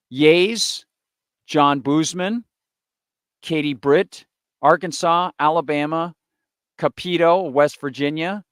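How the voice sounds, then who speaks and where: A man's voice: on the high side, fairly bright tone, clean tone, dry recording, clean studio sound. A man hosting a live political stream, reading through a list with sarcastic asides in opinionated commentary. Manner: sarcastic, reads off long lists with asides.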